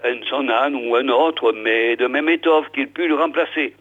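A good-natured village priest who loves a laugh, as a male storyteller plays him. He speaks in a measured, kindly way. The recording sounds thin and phone-like. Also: medium pitch, fairly even intonation, close to an everyday voice. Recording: tinny phone-like old recording.

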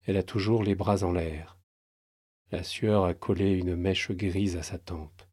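Slow husky male narrator. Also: deep voice, steady tone, darkish tone. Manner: slow, measured, tense. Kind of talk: scripted dramatic narration.

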